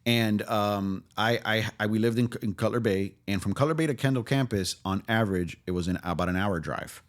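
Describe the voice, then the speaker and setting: A man, born in Cuba, a podcast guest chatting in a relaxed way and often saying bro and man. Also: lowish voice, a little fast. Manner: laid-back, says bro and man a lot. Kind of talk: casual chat.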